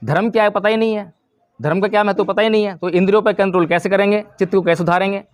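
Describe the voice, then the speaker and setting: A man with a high voice gives a Buddhist sermon to a village gathering. He keeps asking the crowd questions and answers them himself. The sound is close and dry, with no echo. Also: fairly even intonation, racing. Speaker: Buddhist preacher. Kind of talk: dhamma talk to a village gathering.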